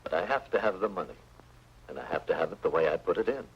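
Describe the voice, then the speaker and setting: A man's voice: deep voice, animated, fast, slight background noise. An actor playing a cold, demanding male villain plotting to take a bank. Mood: scheming. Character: scheming male villain, cold wealthy depositor. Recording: dull old TV soundtrack with music.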